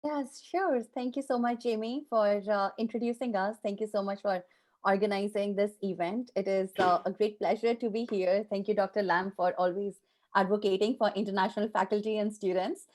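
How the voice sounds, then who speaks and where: A woman's voice: mid-range voice, steady tone, normal speed, a little mellow. A woman from India speaking as a professor on a panel over a video call, polite and full of fillers. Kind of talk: conversational panel remarks.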